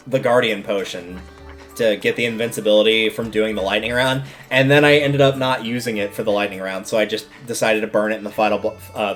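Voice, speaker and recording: A man with a somewhat low voice gives loose, rambling commentary on a video game during a livestream, frequently pausing to explain things.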